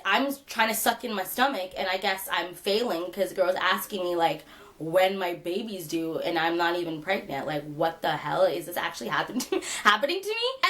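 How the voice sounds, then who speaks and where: A young woman vlogger telling a funny story in casual chat, animated and laughing, with lots of fillers. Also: medium pitch.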